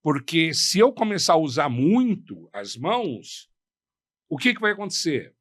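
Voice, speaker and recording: A man's voice: fairly high pitch, a bit bright, no echo, clean studio sound. A man, a professor lecturing on negotiation, who keeps asking his listeners rhetorical questions. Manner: didactic, asks the audience rhetorical questions; uses his hands a lot while talking.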